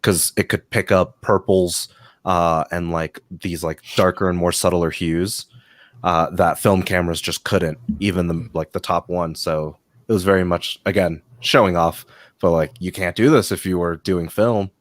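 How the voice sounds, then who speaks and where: Low voiced guy on a podcast, explains stuff eagerly, dry close sound. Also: fairly even intonation, normal speed, no room sound. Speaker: podcast co-host. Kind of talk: casual watch-party chat.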